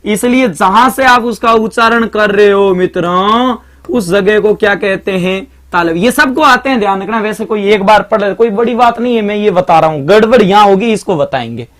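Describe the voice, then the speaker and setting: A man's voice: high voice, normal speed, fairly bright tone. A male teacher with a Marwari accent giving a live online grammar lesson, chatty and repetitive, constantly reminding students to pay attention.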